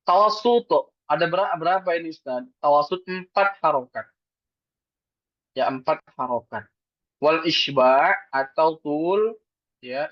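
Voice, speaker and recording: A man's voice: on the high side, no echo. A man teaching Quran recitation in an online lesson, explaining patiently step by step and asking and answering his own questions. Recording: dull dry lo-fi sound.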